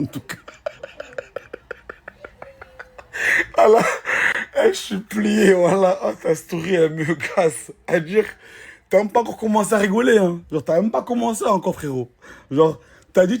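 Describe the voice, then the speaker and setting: A man's voice: a little high, darkish tone. A man with a Marseille French accent, talking in casual slangy chat and teasing a friend with mock warnings. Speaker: vlogger.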